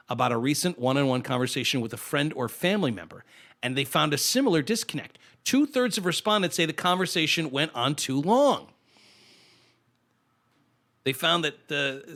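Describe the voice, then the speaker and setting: A man from the United States hosting a casual comedy podcast, animated and riffing with laughs. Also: a little high. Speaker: podcast host.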